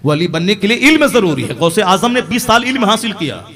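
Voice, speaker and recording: A man preaching an impassioned sermon as an Islamic preacher, rising to loud emphatic peaks. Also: sits high, sing-song, fairly quick.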